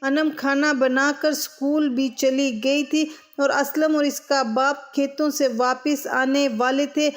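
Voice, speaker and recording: A woman narrating a family moral story in a steady, even storytelling manner. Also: high voice.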